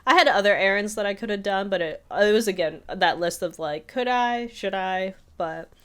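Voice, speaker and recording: A woman's mid-range voice, clear, resonant, and fairly bright, moves at a moderate pace. Co-hosting a podcast, she chats casually and tells anecdotes, slipping into the voices of people she quotes.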